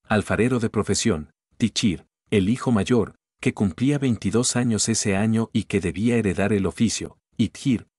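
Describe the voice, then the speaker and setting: Male audio novel narrator, low and husky, dry close sound, steady measured delivery. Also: no room sound.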